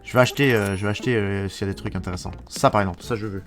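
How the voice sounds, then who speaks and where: A man's voice: lowish voice, steady tone, rapid-fire, faint music behind. A man with a Belgian French accent from Wallonia, chatting live with viewers while playing a game. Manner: chatty, answers viewers, thinks aloud. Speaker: streamer.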